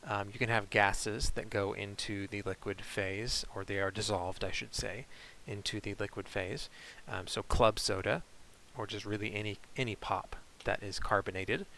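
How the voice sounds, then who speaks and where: A man teaching chemistry in a recorded online lecture, explaining in a relaxed way with frequent fillers. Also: fairly low pitch, moderate pace, gravelly, few pauses, a little hiss or hum, low-quality recording.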